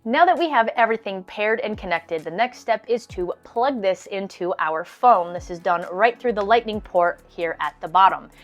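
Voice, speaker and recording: A woman narrating a step-by-step tech tutorial voice-over as a product reviewer, explaining calmly and plainly. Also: medium pitch, normal speed, few pauses, dull audio, soft background music.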